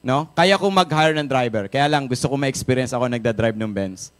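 A man with a Filipino accent giving an energetic, jokey product talk to a live audience, often asking the crowd questions. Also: mid-range voice, brisk. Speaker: product seminar speaker. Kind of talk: lively sales pitch to a live audience. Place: event room with a live audience.

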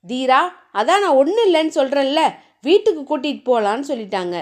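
Woman reading as a calm, soothing old grandfather. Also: sits high, fairly quick. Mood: reassuring. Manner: reassuring, hesitant.

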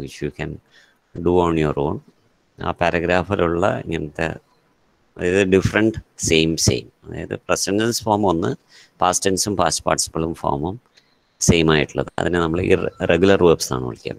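Low gravelly Malayali man teaching grammar. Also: unhurried, dry recording. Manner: explains grammar mixing Malayalam and English, calls on students by name. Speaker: English teacher. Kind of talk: online class lecture.

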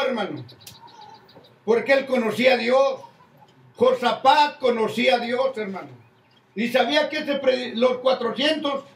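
High-voiced older pastor preaching. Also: male voice. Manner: preaching with many "hermano" asides. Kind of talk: sermon. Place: church hall with crowd, indoors. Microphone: stand mic at pulpit. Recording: echoey room, distant from mic.

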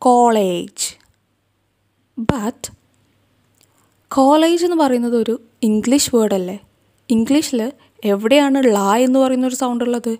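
A woman's voice: on the high side, moderate pace, pauses often, dark tone. Chatty Malayali woman teaching English. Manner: chatty, asks the viewer questions. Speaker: English teacher, channel host. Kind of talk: casual lesson to camera.

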